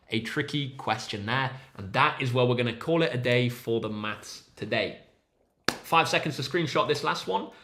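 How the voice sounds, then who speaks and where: A man's voice: mid-range voice, fairly bright tone. Upbeat man hosting a maths livestream. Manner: upbeat, hypes up viewers, reads chat names aloud. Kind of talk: casual livestream teaching.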